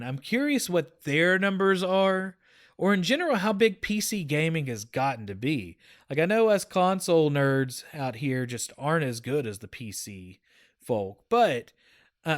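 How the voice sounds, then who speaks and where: A man hosting a gaming podcast, talking in a rambling, chatty way with frequent fillers. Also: fairly high pitch. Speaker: podcast host. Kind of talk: casual chat.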